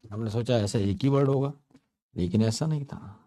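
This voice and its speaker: A man's voice: mid-range voice, normal speed, dark tone. A man teaching a grammar lesson in a chatty, storytelling way, playfully stretching out words to make a point. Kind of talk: explaining English grammar to learners.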